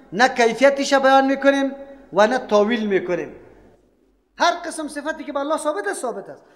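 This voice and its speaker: Afghan Dari-accented preacher, very high voice. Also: male voice, in a large hall. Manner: rhetorical questions, emphatic, lecturing. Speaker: Quran commentary teacher. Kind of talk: sermon-style Quran lesson.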